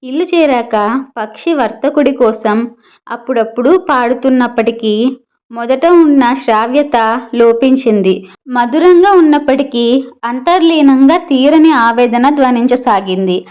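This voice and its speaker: A woman narrating a children's moral story in a steady, clear storytelling manner. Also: high-pitched, measured pace, highs cut off.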